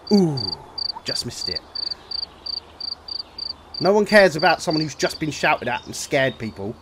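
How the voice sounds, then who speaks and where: A high-voiced gaming video host narrates his own playthrough, animated and jokey, poking fun at himself with lots of exclamations. Game music plays in the background.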